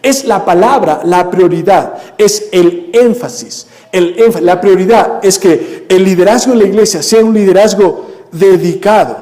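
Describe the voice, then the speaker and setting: A man's voice: high-pitched, unhurried, dark tone. A man preaching a sermon as pastor, questioning the congregation and answering himself. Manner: acts out quoted listeners in a mocking voice. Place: church hall. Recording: long church reverb.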